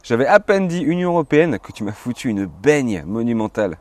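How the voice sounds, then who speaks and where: A man's voice: mid-range voice, very animated, a little fast, no room sound. Man, interviewer, comedy sketch, matter-of-fact, hesitant.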